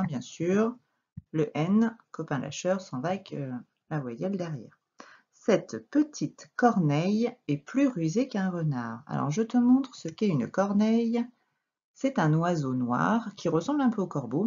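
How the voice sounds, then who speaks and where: A woman teaching French children to read, dictating words slowly syllable by syllable with lively emphasis. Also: lowish voice, gravelly, breathy edge. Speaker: primary school teacher. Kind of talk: reading lesson for young children. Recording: dull lo-fi recording.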